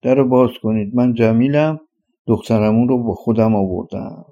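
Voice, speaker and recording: A man's voice: mid-range voice, dark tone, lightly acted. A man doing a stubborn loyal young villager. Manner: blunt, stubborn declarations.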